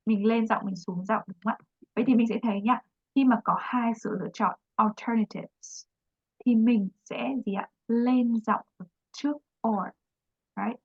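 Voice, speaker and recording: A woman's voice: fairly high pitch, muffled recording. A woman teaching an English lesson, patiently explaining and repeating example phrases.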